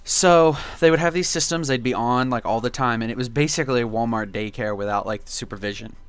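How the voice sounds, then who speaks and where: A man's voice: mid-range voice, quick pace, clean tone, no room sound. A young man reminiscing casually in gameplay commentary, with a laid-back, rambling and nostalgic way of talking. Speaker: video game commentary host.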